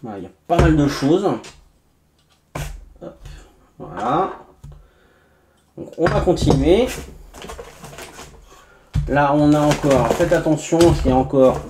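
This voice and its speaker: A man's voice: a little high, unhurried, long pauses. A man hosting a casual unboxing review, chatty, with many fillers and asides to viewers. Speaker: tech reviewer host. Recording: echoey room, faint background noise.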